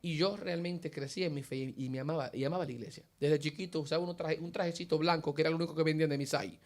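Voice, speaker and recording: A man's voice: fairly high pitch, steady tone, rapid-fire. A man giving a personal faith testimony in an interview, telling his story vividly and acting out the dialogue he quotes.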